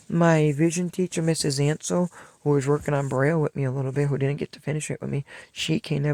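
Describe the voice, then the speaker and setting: A man's voice: on the high side, creaky, a little mellow, no echo. A young man vlogging, telling a personal story in a rambling, heartfelt way. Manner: rambling, heartfelt, acts out past dialogue.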